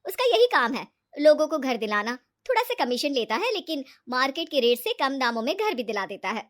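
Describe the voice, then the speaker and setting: A woman voicing a scheming, jealous young woman who cheats her friend, loud and coaxing. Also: high voice, sing-song, a little fast.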